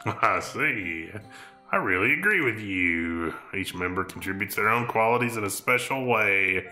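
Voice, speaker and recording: A man voicing a shy, earnest schoolgirl in an amateur visual novel reading, hesitant and measured. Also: fairly low pitch, expressive, bright, forceful tone, heavily acted. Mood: earnest, gentle. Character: shy, earnest schoolgirl club vice president. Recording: roomy sound, music behind.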